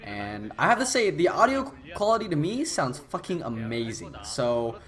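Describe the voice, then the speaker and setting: A man giving casual, rambling play-by-play commentary on a video game match by himself. He swears freely, bursts into excited yelling, and his voice sounds tired and his throat dry. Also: a little high, normal speed. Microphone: new desktop microphone.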